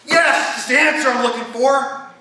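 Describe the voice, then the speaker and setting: Middle-aged New pastor, high bright voice, unhurried folksy preaching, echoey church miked from afar. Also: male voice, distant mic. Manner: folksy, asks the congregation questions. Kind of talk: sermon. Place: church sanctuary.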